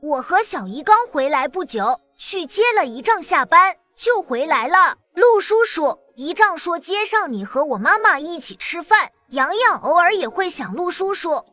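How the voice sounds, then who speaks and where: A woman voicing a cheeky little boy in an animated drama, who talks in a chatty, blunt, childlike way. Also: very high voice, normal speed, few pauses, full character voice. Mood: chirpy. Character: small cheeky boy about to start kindergarten.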